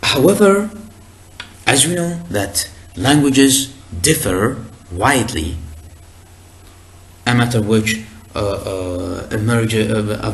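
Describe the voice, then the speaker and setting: Speaking on the low side, a native Arabic speaker delivers a recorded lecture, working through explanations deliberately while often hesitating and starting over.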